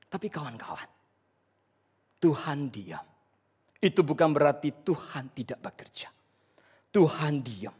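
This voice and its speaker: A man preaching a sermon, telling stories and swinging dramatically between loud and hushed delivery. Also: fairly high pitch, husky. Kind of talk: sermon with storytelling.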